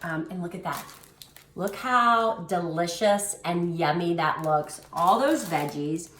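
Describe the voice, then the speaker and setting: A woman's voice: fairly low pitch, takes it slowly, fairly bright tone, slight background noise. A woman giving a casual cooking demonstration, chatty and encouraging as she talks viewers through each step while working with her hands. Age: adult. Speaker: dietitian demonstrating a recipe. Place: kitchen. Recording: roomy, mic at a distance.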